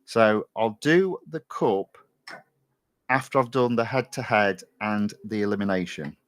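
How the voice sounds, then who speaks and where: Relaxed man commentating a racing stream. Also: fairly low pitch, a little slow, no room sound. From England. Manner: relaxed, chatty, many ums and uhs, reads chat aloud. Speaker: gaming streamer. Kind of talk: casual live-stream commentary while racing.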